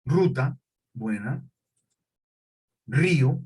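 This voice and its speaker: Husky-voiced male teacher lecturing. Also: mid-range voice, animated, very slow, a little mellow, rough recording. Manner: questioning, repetitive explanations with check-ins. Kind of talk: classroom lecture.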